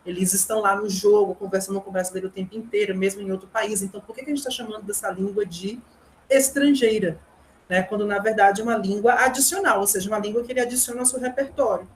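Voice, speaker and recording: In a fast, mid-range voice with fairly even intonation, a middle-aged woman with a Brazilian Portuguese accent works through interview questions earnestly and explanatorily. A language teacher, she leans on tag questions and makes small restarts, and the rough audio has a bit of hiss or hum.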